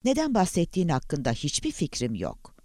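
A rattled professor, voiced by a man reading aloud, defensive and alarmed, his pitch leaping about expressively. The sound is dry and close-miked. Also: wildly swooping pitch, normal speed, warm tone, no echo. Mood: bewildered. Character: tense, bewildered male professor. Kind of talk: audiobook character voice.

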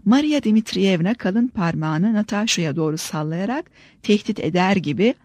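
A woman's voice: mid-range voice, no room sound. A woman reading a novel in a dry, close voice. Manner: steady, measured reading. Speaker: audiobook narrator. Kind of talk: scripted narration.

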